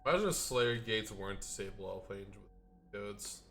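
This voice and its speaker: A man streaming a video game, reacting with excitable, joking casual commentary. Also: fairly low pitch, normal speed, gravelly, faint music behind.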